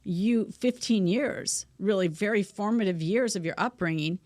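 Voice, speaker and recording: Woman, show host, average pitch, dry studio sound, assertive interviewer. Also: moderate pace, darkish tone, dry recording. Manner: assertive, steers the talk with interjections.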